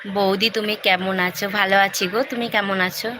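Woman, soft hushed talk, casual live-stream chat, faint noise behind. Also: mid-range voice, steady tone, normal speed. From Hooghly, West Bengal, India. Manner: speaks softly while her son sleeps.

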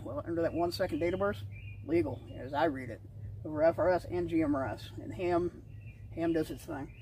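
A man's voice: fairly high pitch, a little mellow, low-quality recording. An American man in his thirties chatting casually as he explains things as a vlog host, folksy, slangy and plain-spoken. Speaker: vlog host and ham radio hobbyist. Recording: faint outdoor ambient noise.

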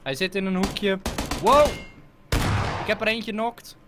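A man's voice: high voice, unhurried. A man joking and calling out plays while gaming with friends over voice chat. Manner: excitable, joking. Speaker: gamer. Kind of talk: casual chat. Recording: loud noise over voice chat.

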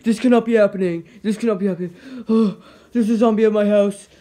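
A man's voice: sits high, fairly even intonation, quick pace, warm tone, lightly acted. A man voicing a whiny, childish little shark toy in an amateur puppet show. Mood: panicked.

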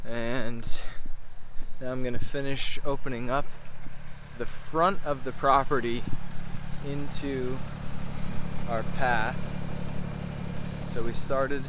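A man's voice: medium pitch, steady tone, takes it slowly, long pauses, noisy background. A young man in casual vlog talk, explaining his plans while he works on a wooded lot, filming himself at arm's length. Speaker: homesteader and landscaper. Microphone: phone at arm's length.

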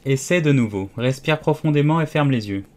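A man's voice: lively intonation, fairly quick, darkish tone, close to an everyday voice. A man voicing a fussy, scatterbrained old queen who wails and lectures in an audiobook. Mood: lecturing. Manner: shrill wailing cries, fretful and peremptory. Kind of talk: audiobook character voice.

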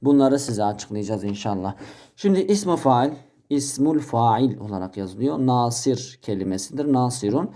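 A man's voice: medium pitch, expressive, normal speed, mellow. A man teaching Arabic grammar in a recorded lesson, addressing listeners as brothers and answering his own questions as he explains each step.

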